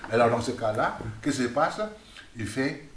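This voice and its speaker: A man's voice: medium pitch, normal speed. Guy explaining singing voices, rambly, echoey workshop room. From Vietnam. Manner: rambling, often asks "n'est-ce pas?". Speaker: guest musician and voice researcher. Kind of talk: lecture with vocal demonstrations. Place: artist's workshop, indoors. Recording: roomy hall with faint noise.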